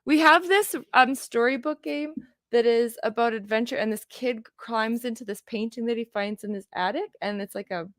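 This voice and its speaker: A woman's voice: fairly high pitch, normal speed, no echo, studio quality. A woman hosting a live auction, chatting casually in an effusive, exclamatory way. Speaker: auction host.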